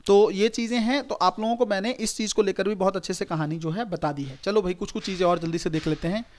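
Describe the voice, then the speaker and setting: Quick-checking high-voiced male teacher. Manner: conversational, repetitive teaching with frequent "okay" checks; addresses students directly, urging them to note things down. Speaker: exam coaching teacher. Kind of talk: recorded online lecture.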